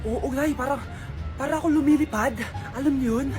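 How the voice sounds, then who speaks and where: A woman acts out a wary, polite child in a short comedy sketch, her voice sitting very high. She answers in a hesitant, courteous way. Background music plays under the dialogue. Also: a little fast, lightly acted. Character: puzzled young son or daughter, wary of mom.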